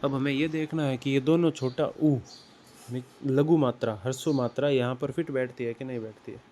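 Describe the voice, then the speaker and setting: A man teaching grammar, explaining slowly and deliberately and repeating words as he writes them out. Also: mid-range voice, fairly even intonation, a little mellow, a little hiss or hum. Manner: slow and deliberate, repeats words while writing. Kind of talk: explaining at a whiteboard.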